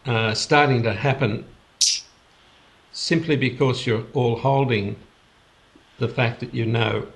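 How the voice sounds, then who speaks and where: A man of average pitch talks slowly and reflectively over a video call. He often restarts his sentences and lets small laughs slip in between his thoughts. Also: fairly even intonation. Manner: unhurried, halting, with many restarts and soft laughs. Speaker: host of a spiritual gathering.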